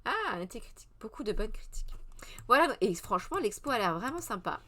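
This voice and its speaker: A woman's voice: a little high, very animated, quick pace, bright, forceful tone. A woman in her thirties hosting a casual live press review, chatty and meandering, with many hesitations and self-corrections, answering her chat as she goes. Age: 30s.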